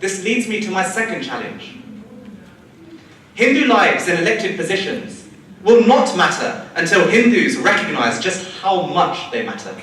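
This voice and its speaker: A young man from the United Kingdom giving a prepared, rhetorical conference speech with measured repetitions. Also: high-pitched, big pitch swings, fairly bright tone, slight background noise. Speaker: conference panelist, local election candidate. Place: large conference hall. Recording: distant, echoey hall.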